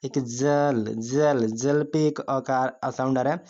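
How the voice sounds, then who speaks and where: A male teacher of mid pitch, walking his students through a lesson one step at a time and stopping often to ask them questions. He stretches out single syllables so they can say them back. The recording sounds dull and lo-fi. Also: fairly even intonation, a little mellow. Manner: explains step by step with frequent rhetorical questions; slowly drawls out sounds and syllables for the class to repeat. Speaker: English teacher. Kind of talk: classroom-style video lesson.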